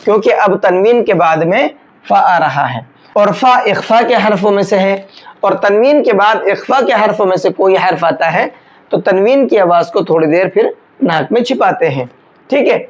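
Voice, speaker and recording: A patient recitation teacher working through a tajweed lesson, one rule at a time. The explanations are calm and plain, then the voice stretches out into slow, chanted recitation of each word before returning to plain teaching. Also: mid-range voice.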